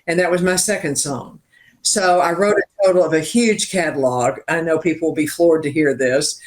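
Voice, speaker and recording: A man's voice: on the high side, moderate pace. An older songwriter from Richmond, Virginia, telling his story as a guest in an interview, acting out quoted dialogue and laughing at his own jokes. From Richmond, Virginia, USA.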